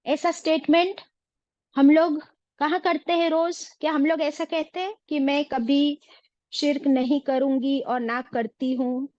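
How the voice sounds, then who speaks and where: A woman's voice: high-pitched, steady tone, unhurried, a little mellow, no echo, lo-fi sound. A woman teaching an online religious class, asking her students questions and mixing in English phrases. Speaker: Quran teacher.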